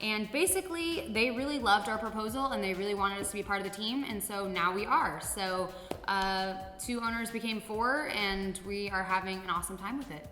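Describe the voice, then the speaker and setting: A woman with a Californian accent speaks in a bright, forceful voice at a medium pitch, chatting candidly as she answers viewer questions. The room is echoey and reverberant, with music playing underneath. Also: brisk. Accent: Californian American. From San Diego, California, USA. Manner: candid, swearing, informal. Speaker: vlog host. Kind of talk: casual Q&A chat.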